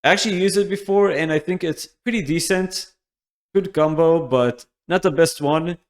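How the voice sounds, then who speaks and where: A man's voice: fairly high pitch, normal speed. Rambling man ranking game weapons. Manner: loose and rambling, frequent restarts and fillers. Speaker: gaming YouTuber. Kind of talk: casual game commentary.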